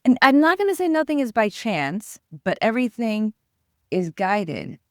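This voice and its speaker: A woman's voice: fairly high pitch, sing-song, moderate pace, no room sound, clean studio sound. A woman with a New York accent, an author talking earnestly as a guest about spiritual growth. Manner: earnest, flowing, explanatory. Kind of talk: spiritual interview talk.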